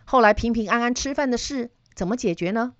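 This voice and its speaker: A woman's voice: a little high, a little fast, no room sound, highs cut off. A middle-aged woman teaching data analysis, explaining ideas through personal stories and putting questions to her listeners. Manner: storytelling, asks listeners questions.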